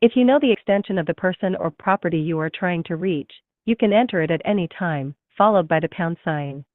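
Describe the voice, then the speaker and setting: A woman's recorded automated phone menu message, announcing options slowly and politely, heard through a phone call. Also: fairly low pitch, dry recording. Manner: slow, measured, polite announcing. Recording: tinny dry phone line.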